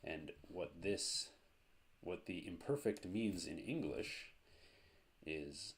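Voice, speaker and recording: A man teaching a language lesson, explaining grammar step by step in a slow, methodical way. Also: low-pitched, lively intonation.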